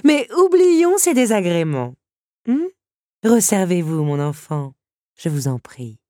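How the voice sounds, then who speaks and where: A woman voicing an excitable, imperious countess hostess, theatrical and gushing. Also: slow, no room sound, studio quality. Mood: effusive. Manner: theatrical, gushing, turns shrill and commanding.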